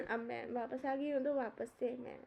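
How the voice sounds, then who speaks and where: A woman's voice: high voice, steady tone, unhurried, creaky. A woman teaching an Ayurveda exam-prep lecture. She reads Sanskrit verses, explains them in Hindi with English terms, and gives memory tricks. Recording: dull lo-fi lecture recording.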